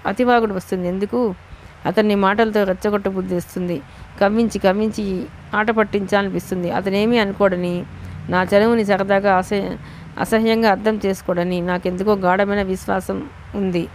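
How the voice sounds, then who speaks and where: A woman reading a novel aloud as an audiobook narrator in steady, expressive first-person narration. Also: mid-range voice, fairly quick, a little hiss or hum.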